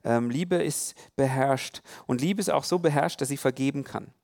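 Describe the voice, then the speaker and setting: A man giving a conversational sermon on love in marriage, animated, acting out quoted thoughts with many fillers and restarts. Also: medium pitch, normal speed, vocal fry.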